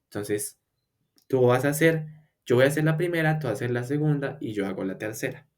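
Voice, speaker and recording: A man of ordinary pitch teaches a beginner language class. He explains patiently, stacking up examples one after another. He slows right down whenever he models a word for the learner to repeat. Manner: slows down to model English words for repetition. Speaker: English teacher.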